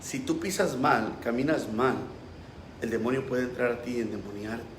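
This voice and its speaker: A man's voice: medium pitch, moderate pace, a little hiss or hum. A pastor preaching a sermon with passion, acting out the voices he quotes. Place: church. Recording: roomy echo.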